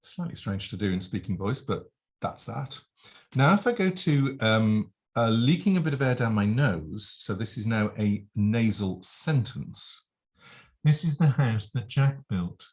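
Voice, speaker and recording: A man's voice: on the low side, lively intonation, unhurried. Man explaining vocal technique. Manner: explanatory, demonstrates sounds with nose pinch. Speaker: vocal coach. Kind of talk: vocal demonstration lesson.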